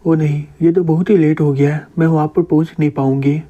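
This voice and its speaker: A man's voice: fairly high pitch, little pitch movement, fairly quick, mellow, close to an everyday voice. A man reading the part of a hot-tempered young female fighter in a comic recap. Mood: irritated. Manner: irritable, scolding. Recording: dull lo-fi recording.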